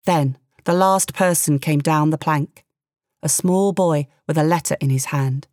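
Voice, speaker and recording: A woman telling a fairy tale, her voice mid-pitched and expressive, with playful little asides. The sound is dry and close. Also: unhurried, dry recording. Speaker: storyteller. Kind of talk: storytelling narration.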